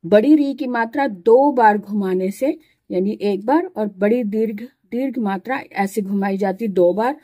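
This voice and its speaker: A woman's voice: mid-range voice, unhurried, mellow, no echo. A woman teaching a Hindi alphabet lesson patiently, sounding out syllables one at a time and explaining each step. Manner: explains while writing, pointing at letters.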